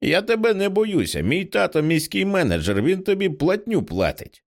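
A man's voice: high voice, big pitch swings, moderate pace, pitched above the performer's own voice. A man voicing a cheeky, defiant four-year-old boy with a bratty, taunting manner.

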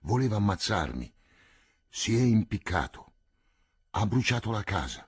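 A man's voice: on the low side, sing-song, unhurried, husky, no echo, exaggerated voice. A man voicing a terrified young boy who blurts out his words breathlessly. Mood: panicked. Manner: breathless, frantic repetition.

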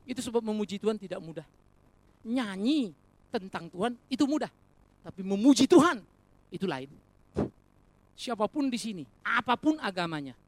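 A man preaching a sermon as pastor, animated and colloquial, with rhetorical questions, humorous asides and direct address to the congregation. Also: sits high, no room sound.

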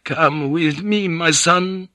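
A man's voice: on the high side, slow pace, bright, forceful tone, dry recording, clean studio sound, pitched above the performer's own voice. A man voicing an old, frail Spanish monk, feverish and suspicious, with a thick, sibilant peasant voice and a Spanish accent. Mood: gentle, weary. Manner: thick, sibilant peasant voice, pleading then bitter.

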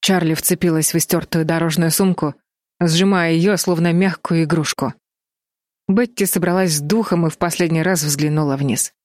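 A woman narrating an audiobook with steady, dramatic storytelling. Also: low-pitched, moderate pace, no echo, studio quality. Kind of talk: scripted narration.

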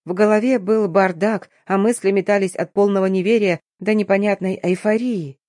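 An audiobook narrator reading a first-person story in a measured, even manner. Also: medium pitch, dry recording, studio quality.

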